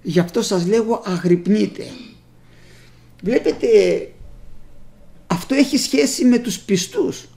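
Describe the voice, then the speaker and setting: Preacher, sermon delivery, rough gravelly texture, mid pitch; reads scripture then explains it to the congregation. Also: expressive, pauses often, mellow. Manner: reads old scripture aloud and explains it plainly; speaks directly to the congregation as brothers. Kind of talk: sermon with Bible readings.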